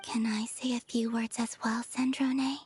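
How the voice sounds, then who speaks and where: An actress voicing a gentle, dreamy young woman who speaks in a soft, breathy near-whisper. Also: a little high, level tone, unhurried, a little hiss or hum, close to an everyday voice. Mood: tender, earnest. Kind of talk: game voice acting.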